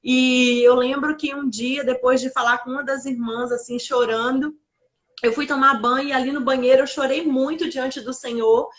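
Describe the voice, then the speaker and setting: A woman with a high voice tells a personal faith testimony. She speaks earnestly, leaning on fillers as she goes. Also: steady tone, moderate pace. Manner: earnest, many fillers like "assim" and "né". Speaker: guest sharing her testimony.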